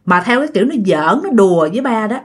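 A woman's voice: medium pitch, big pitch swings, fast talker, husky. A woman with a Southern Vietnamese accent telling a ghost story in a chatty way, speaking straight to her listeners. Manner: chatty, addresses listeners directly. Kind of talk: casual ghost story narration.

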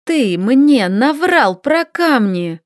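A woman playing a fiery young heroine from a fantasy audiobook, raised high and loud with indignation. She hurls her accusations in a bright, lifted voice, recorded close and dry. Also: big pitch swings, slow, dry recording, exaggerated voice. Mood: furious. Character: furious young woman scolding her lover.

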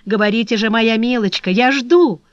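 A woman reading an audiobook and voicing a gentle, dignified young noblewoman in mourning who speaks in an earnest, composed way. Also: on the high side, moderate pace, no room sound, close to an everyday voice. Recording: dull dry lo-fi recording.

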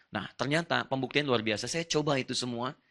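A male preacher delivering a sermon to a congregation. His voice sits at an ordinary middle pitch, and he builds energy as he tells personal stories, voicing the people in them. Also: brisk. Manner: animated storytelling, acts out dialogue. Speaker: Islamic preacher.

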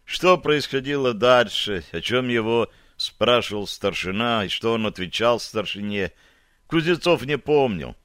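A man's voice: medium pitch, expressive, measured pace, a bit bright, no echo. Man narrating in a dry, close recording. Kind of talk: audiobook narration.

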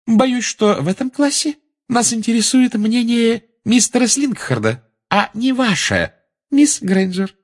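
A man reading as a prim female school official whose voice rises far above his own, sweet on the surface and icy underneath. She drags her words out slowly and softly, with a husky edge, every phrase silky and cloying. It is an audiobook character voice. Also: very high-pitched, animated, voice pushed up, heavily acted. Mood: cold, sugary. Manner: silky, cloying, coldly polite.

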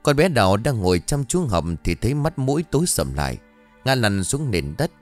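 A man reading an audio story aloud in an expressive, dramatic narration style. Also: mid-range voice, fairly quick, soft background music.

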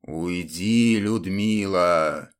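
A man voicing an undead templar knight, a grim, relentless fanatic who speaks in a hoarse, sepulchral voice with slow, menacing delivery. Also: deep voice, voice pushed down. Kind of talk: audiobook character voice.

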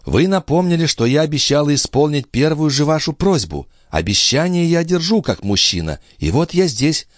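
A man voicing a haughty, imperious noble countess in a high, airy falsetto, breezy and mocking in an audiobook. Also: very animated, moderate pace, few pauses, no echo, clean studio sound. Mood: coaxing. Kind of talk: audiobook character voice.

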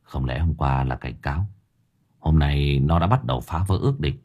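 A man voicing a grim young exorcist who speaks low and quietly. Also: big pitch swings, normal speed, heavily acted. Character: grim young male exorcist, cold and brooding.

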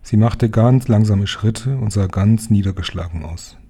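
A man reading a children's story aloud in steady, calm first-person narration. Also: lowish voice, a little slow, slightly rough. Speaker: audiobook reader.

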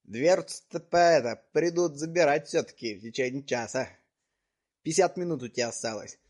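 Taunting man with a highish voice, prank calling. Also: a little fast, darkish tone. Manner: taunting, slangy, coarse. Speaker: prank caller. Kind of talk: improvised prank phone call.

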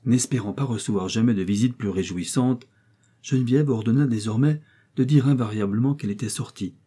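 Dark, husky male audiobook narrator. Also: medium pitch, a little fast. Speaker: audiobook reader. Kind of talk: scripted narration.

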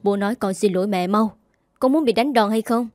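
A woman's voice: mid-range voice, a little fast, darkish tone, dry recording, clean studio sound, close to an everyday voice. A woman voicing a stern, reserved young father in a spoken story, firm and clipped. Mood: scolding.

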